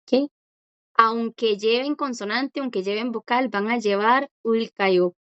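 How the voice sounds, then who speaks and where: A woman's voice: fairly high pitch, unhurried, clear, resonant tone, no room sound, muffled recording. A woman teaching a language class, explaining grammar patiently and often checking that students follow. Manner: patient, repeats key points and checks understanding. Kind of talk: online language lesson.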